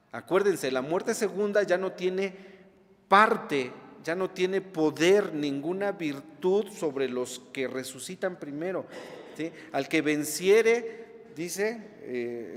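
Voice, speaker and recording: A man's voice: high-pitched, big-room sound. A man preaching a sermon, emphatic, repeating key words and checking in with the congregation. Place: church.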